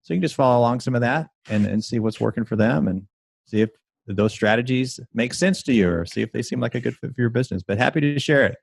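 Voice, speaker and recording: Man, mindset coach, confident explainer, mid-pitched, dry close sound. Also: fast talker, vocal fry, husky, no room sound. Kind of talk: interview guest explaining his method.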